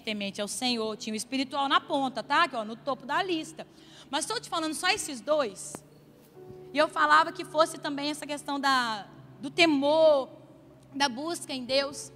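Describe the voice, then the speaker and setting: A woman with a Brazilian Portuguese accent preaching a sermon in a church, telling stories conversationally with playful asides to the congregation. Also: high-pitched. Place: church sanctuary. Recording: long church reverb, soft music behind.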